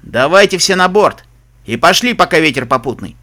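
Man doing a zebra sea captain, boastful, joking, lively voice, bright tone. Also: on the high side, moderate pace. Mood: cheerful. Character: gruff sly male zebra sea captain.

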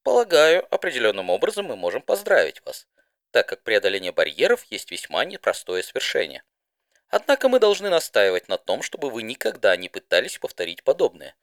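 A man's voice: fairly low pitch, huge pitch swings, brisk, dry recording, studio quality. A man playing a stately, formal princess. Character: regal, formal princess mare. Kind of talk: fan audiobook voice acting.

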